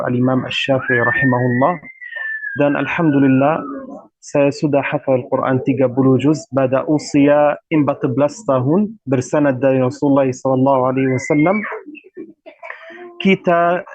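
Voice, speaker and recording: A man from Gaza with an Arabic accent, speaking as a guest at a religious talk, measured and courteous. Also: mid-range voice, no echo. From Gaza, Palestine. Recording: dull radio broadcast sound.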